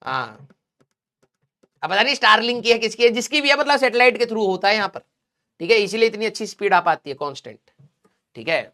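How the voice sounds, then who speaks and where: A man's voice: high voice, animated, brisk, long pauses, pushed and bright. A young man teaching a live online physics class in a chatty, joking way, teasing his students. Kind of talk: casual live class lecture.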